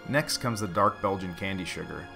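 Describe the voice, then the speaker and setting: A home brewer hosts his homebrew show in a deep, creaky voice at a moderate pace, with music in the background. He mixes casual scripted narration with relaxed tasting chat, showing a playful, dry sense of humor.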